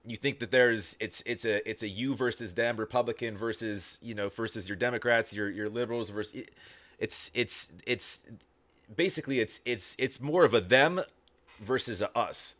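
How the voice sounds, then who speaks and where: A man's voice: medium pitch, normal speed, a bit bright. A man hosting a casual reaction video, rambling with lots of fillers and restarts and casual swearing.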